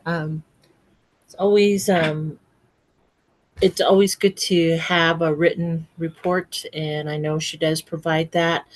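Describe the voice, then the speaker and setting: A woman chairs a board meeting, speaking slowly in a slightly low voice. She hesitates often and fills her pauses with ums as she moves through the agenda.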